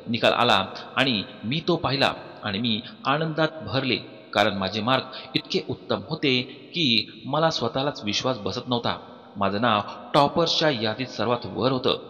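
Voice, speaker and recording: A man narrating a heartfelt family story in a steady, even storytelling voice. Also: mid-range voice. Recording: dull recording with long reverb, soft music behind.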